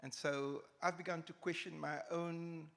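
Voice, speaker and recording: Gravelly man, reflective. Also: a little high, steady tone, a bit bright. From Cape Town, South Africa. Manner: reflective, halting, with many restarts. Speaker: panel guest, criminology academic. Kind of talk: live panel discussion. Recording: hall with long reverb.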